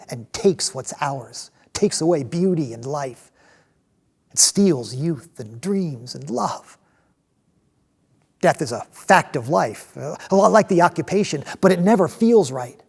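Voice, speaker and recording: An actor playing a passionate, restless disciple in a dramatic monologue, telling his story with halting, emphatic delivery and repeated words. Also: a little high, expressive, creaky, husky, full character voice. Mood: somber. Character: passionate male zealot disciple, restless man of action, recalling Jesus.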